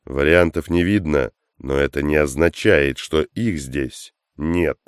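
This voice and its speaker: A man doing a stern, cautious soldier in an audiobook, speaking in a firm, low, smooth voice. The sound is close and dry. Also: unhurried, no echo. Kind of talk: audiobook character voice.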